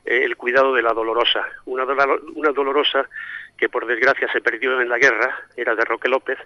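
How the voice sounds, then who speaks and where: This middle-aged Spanish priest, born in Santomera, Murcia, and raised in Madrid, speaks with a Spanish accent, answering interview questions reflectively while often hesitating and repeating himself as he hunts for words. His mid-range voice shows little pitch movement and moves briskly, with no room sound, over a dull, lo-fi, phone-like link.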